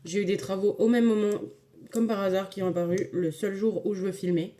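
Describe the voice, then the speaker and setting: Talking fairly quickly, a woman walks her audience through a makeup tutorial, gushing about products and filling her speech with hesitations. Her medium-pitched voice has a steady, dark tone.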